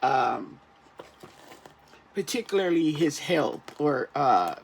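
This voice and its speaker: A tarot reader talking casually to camera while getting over an illness, halting and repetitive, often tagging phrases with a questioning check-in. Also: medium pitch, big pitch swings, gravelly, slight background noise. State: recovering from an ear infection. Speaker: tarot reader, channel host.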